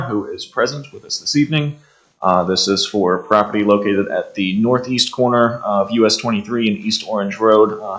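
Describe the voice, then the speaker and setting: Low-voiced American man giving a staff report. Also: fairly bright tone, poor audio. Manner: methodical, reading out figures and details with hesitations. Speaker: township staff member presenting a report. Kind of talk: formal staff report presentation. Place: indoor township meeting room.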